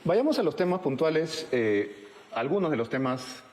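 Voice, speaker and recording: A man's voice: a little high, sing-song, normal speed, darkish tone. A man with a Peruvian accent interviewing a guest with probing, wry questions. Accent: Peruvian Spanish. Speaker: interviewer, host. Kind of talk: conversational interview.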